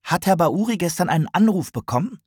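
A man's voice: on the low side, very animated, normal speed, a little mellow, breathy edge, no echo, studio quality, pitched above the performer's own voice, exaggerated voice. A man doing an eager, breathless village boy. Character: excitable young village boy.

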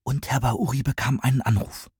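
Man doing shy curious boy, hushed, secretive, soft husky tone, dry close sound. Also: medium pitch, fairly even intonation, a little fast, dry recording, pitched above the performer's own voice. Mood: eager.

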